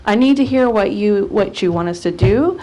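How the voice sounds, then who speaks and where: A woman's voice: mid-range voice, lively intonation, normal speed, mellow. A woman council member giving earnest, heartfelt remarks into a desk microphone in a council chamber.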